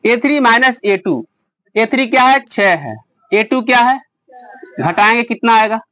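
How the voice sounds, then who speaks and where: High-voiced male math teacher, dry. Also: lively intonation, unhurried, bright, forceful tone, no room sound. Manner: explains step by step, quizzes students. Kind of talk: classroom lesson. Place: classroom.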